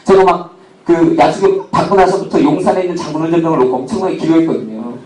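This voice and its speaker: A male pastor with a high-pitched voice preaches to his congregation, asking them questions and telling a story with humor. He is recorded from a distance in a reverberant church hall, with faint ambient noise underneath. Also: quick pace, a little mellow. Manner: asks the congregation rhetorical questions; tells a humorous personal story. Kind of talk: sermon. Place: church sanctuary. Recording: echoey hall, mic at a distance.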